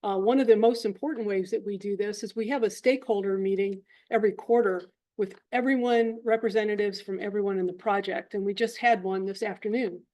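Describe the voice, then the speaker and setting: A woman program director stands before a commission and presents an update. She explains figures patiently, one step at a time, and fills her pauses with ums and uhs. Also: mid-range voice, steady tone, mellow. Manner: explanatory, with frequent fillers. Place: public meeting room.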